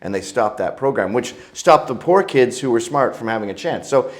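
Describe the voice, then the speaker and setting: A man's voice: mid-range voice, animated, normal speed. A middle-aged man, telling stories as an interview guest in a crude, joking, provocative way. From Canada. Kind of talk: casual interview storytelling.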